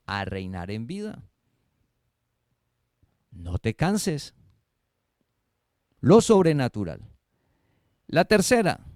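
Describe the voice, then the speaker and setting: A man's voice: a little high, no echo, studio quality. A man preaching a sermon, asking the congregation questions and answering them himself. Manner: preaching with rhetorical questions, swings between loud and soft. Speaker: pastor. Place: church service streamed online.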